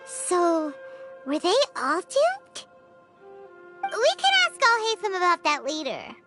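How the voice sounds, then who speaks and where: A tiny, cheerful game fairy, with an extremely high, squeaky voice. The delivery swoops wildly in childlike, drawn-out phrases. Music plays prominently behind it. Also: female voice, wildly swooping pitch, full character voice. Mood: curious. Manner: speaks of self in third person, drawn-out, squeaky. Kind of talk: video game voice acting.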